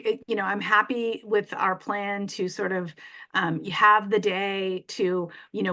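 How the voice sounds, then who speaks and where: A woman co-leading an information session, explaining plans in a friendly, casual way with frequent "um" pauses and restarts. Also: medium pitch, sharp tone. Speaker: trip co-leader presenting an information session.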